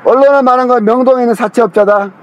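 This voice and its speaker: A man's voice: extremely high pitch, racing, slight background noise. A middle-aged man in a heated phone call with his younger brother, rambling, accusing and scolding him.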